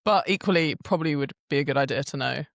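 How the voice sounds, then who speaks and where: A woman's voice: deep voice, fast, gravelly, dry recording, studio quality. A woman co-hosting a podcast in casual chat, teasing and laughing often. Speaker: podcast co-host.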